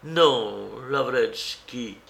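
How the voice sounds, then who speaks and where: A man voicing a grave, restrained young woman in an audiobook, speaking softly. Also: medium pitch, drawn-out words, gravelly, heavily acted. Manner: soft, hushed.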